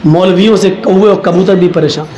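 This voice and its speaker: A man preaching a sermon, telling humorous stories and acting out the characters, often rising to loud shouts. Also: high-pitched, echoey room, a faint crowd. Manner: animated storyteller who acts out characters and rises to shouts.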